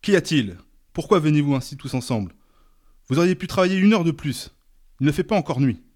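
Man doing a domineering estate boss, loud and barking, raised pitch, forceful, audiobook reading. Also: steady tone, moderate pace, no room sound, clean studio sound, lightly acted. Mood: angry demanding. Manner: barking, shouting commands. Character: angry domineering older male estate boss.

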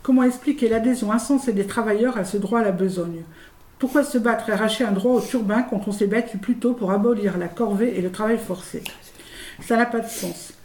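A woman who presents a radio show reads scripted satirical commentary in a formal, declamatory, rhetorical style. Her voice is on the high side and a little mellow, and she speaks a little fast. The recording sounds roomy, with faint background noise.

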